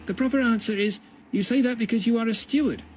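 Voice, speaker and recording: Man putting on a bright-voiced youth, obedient and recited. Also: fast talker, slight background noise, poor audio. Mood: dutiful. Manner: high, dutiful, recited answers. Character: eager young male prisoner reciting by rote.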